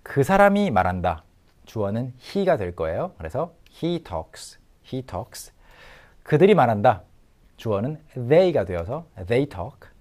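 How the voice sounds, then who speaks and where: A middle-aged man giving a recorded language lecture, patiently drilling short phrases slowly and repeating them. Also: medium pitch, sing-song, a little mellow. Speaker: English teacher.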